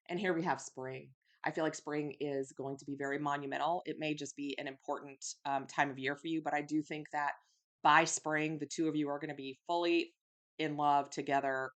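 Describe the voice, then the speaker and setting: A woman's voice: deep voice, a bit bright. A woman giving a casual tarot love reading to her viewers, chatty and reassuring, often checking in with "okay?" and "right?". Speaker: tarot reader.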